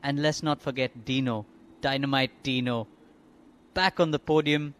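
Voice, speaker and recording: Male co-commentator, measured analytical read, slightly high pitch. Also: fairly even intonation, slight background noise. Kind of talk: live motorsport commentary.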